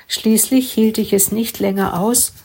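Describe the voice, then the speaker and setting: A woman reading a first-person story aloud with calm, steady narration. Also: a little high, measured pace, a little hiss or hum. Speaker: story reader.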